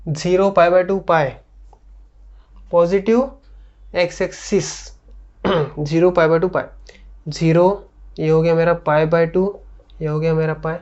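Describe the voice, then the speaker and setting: A man's voice: high-pitched, a little mellow. Man teaching maths on a dull recording. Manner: keeps checking understanding with quick questions; repeats phrases while drawing on a board. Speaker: maths tutor. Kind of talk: classroom maths lecture.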